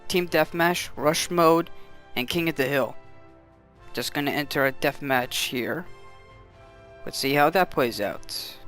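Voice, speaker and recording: A man's voice: on the high side, slow pace, pauses often, a bit bright, soft background music. A man giving casual gameplay commentary in an explanatory, matter-of-fact way. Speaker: game commentator.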